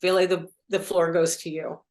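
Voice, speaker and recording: A woman's voice: on the low side, little pitch movement, moderate pace, a little mellow, reverberant. A woman, a museum director, introducing an artist and thanking supporters. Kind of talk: introducing a speaker.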